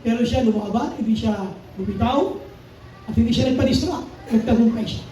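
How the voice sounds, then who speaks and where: High-voiced pastor preaching in an echoey hall. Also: male voice, brisk, mellow. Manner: preaching, mixing Tagalog and English, reading scripture aloud. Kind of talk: sermon. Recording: very echoey hall, mic far off, faint noise.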